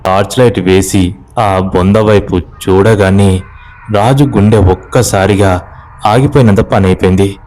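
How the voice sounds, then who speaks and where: Male narrator; lower pitch, brisk and dramatic horror telling. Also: steady tone, darkish tone. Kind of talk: horror storytelling.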